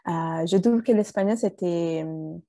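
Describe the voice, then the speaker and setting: In this conversational interview, the Italian guest, a native speaker of Bengali and Italian, talks a little slowly in a lowish, mellow voice. She is hesitant, full of fillers and restarts, and the recording is dry with no room sound.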